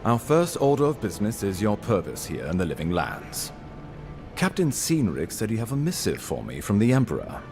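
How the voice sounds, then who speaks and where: An actor playing an earnest, courteous imperial ambassador in a video game, speaking in a formal, eloquent and measured manner. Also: male voice, lowish voice, huge pitch swings, over music. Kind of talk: dramatic video game dialogue.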